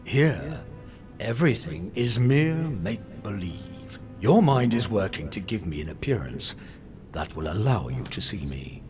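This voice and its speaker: An ancient, proud and menacing father of a demonic house, speaking slowly and grandly. His pitch swoops widely as he talks down to others, with soft game music in the background. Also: big pitch swings. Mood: haughty, commanding. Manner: grand, condescending, slow and deliberate. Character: ancient imperious male patriarch of a demonic family, proud and menacing. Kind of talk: video game voice acting.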